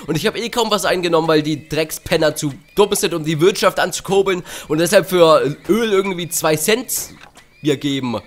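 A man doing gaming commentary as an angry, exasperated, swearing rant. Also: high voice. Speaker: let's player.

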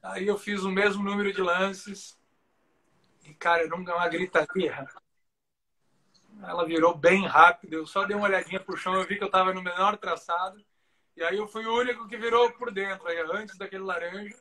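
A man's voice: high-pitched, fairly even intonation, fairly quick, pushed and bright. A man, a show jumping rider, telling stories in a casual live interview, chatty and full of fillers like "cara". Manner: chatty, fills talk with "cara" and "né".

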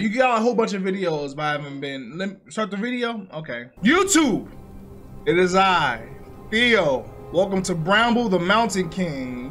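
Young man, high-pitched, slangy, joking, gaming commentary, soft music underneath. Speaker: gaming YouTuber. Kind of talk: let's play commentary.

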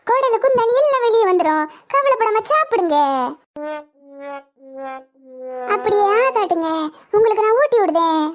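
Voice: extremely high pitch, expressive, fairly quick, faint music behind. A voice actor playing a sly young village woman who sweet-talks the others, in a cartoon comedy. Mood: wheedling. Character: scheming young village woman poisoning the sisters.

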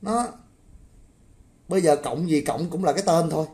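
A man's voice: fairly high pitch, normal speed, warm tone. A man ranting crudely on a livestream, mocking and swearing, often asking viewers to agree. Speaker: political commentator. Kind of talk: livestream rant.

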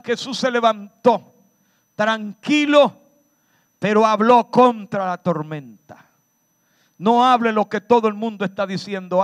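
A man, a pastor, preaching a sermon with shouted peaks and dramatic slowdowns. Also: high-pitched, dry recording. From Dominican Republic.

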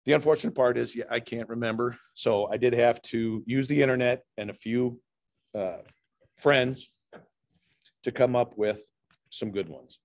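In a large indoor meeting room with a low ceiling, a middle-aged man with a mid-range voice delivers a humorous prepared speech at normal speed. He tells dad jokes to a speaking club, each with a setup and punchline.

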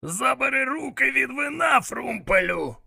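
A cocky demon mentor, as a male reader puts him on, high and bright with a gravelly edge, barking his lines. He sounds brash and sarcastic in a comic fantasy storybook. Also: very animated, slow, full character voice. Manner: grumbling, brash.

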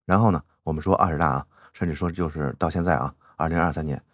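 Deep-voiced man explaining a story. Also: fairly even intonation, a bit bright, no echo, clean studio sound. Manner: chatty explaining, with drawn-out sentence-final particles. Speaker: channel host. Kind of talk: commentary on a classic novel, read aloud.

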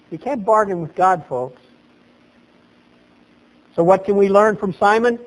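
A middle-aged man, serving as pastor, preaches slowly at a lectern in a small chapel, animated and gesturing, his voice rising sharply to underline points. His voice sits high, and the audio is poor.

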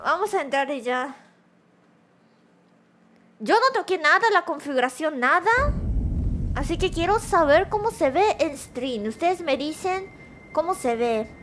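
A woman streaming casually, excitable and quick to shriek when startled, slipping into Japanese and English phrases. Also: high voice, slight background noise. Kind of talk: casual live-stream chat.

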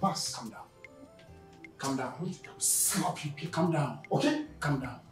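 A man with a Ghanaian accent playing a bossy master of the house who shouts orders at his servant. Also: high voice, very animated, fairly quick, reverberant, distant mic, faint music behind. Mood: stern. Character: hot-tempered male boss ordering his servant. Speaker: boss of the house. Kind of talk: comic drama acting.

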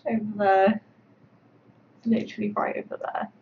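Speaking at normal speed, a woman with a mid-range, darkish voice shows vocal fry and little pitch movement. She is a sculptor painting on a livestream, rambling casually with many fillers, heard through dull lo-fi audio with faint background noise.

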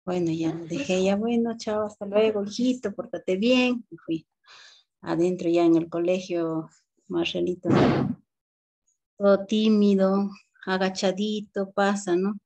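A woman's voice: medium pitch, unhurried, dark tone. A woman student with a Peruvian accent narrating a role-play story in class, informally and with many fillers. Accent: Peruvian Spanish.

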